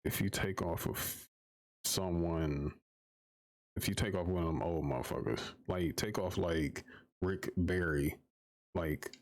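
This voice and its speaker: Deep-voiced man ranting on stream. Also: measured pace. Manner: profane, exasperated, repeats himself while arguing. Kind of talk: casual rant to a live stream audience.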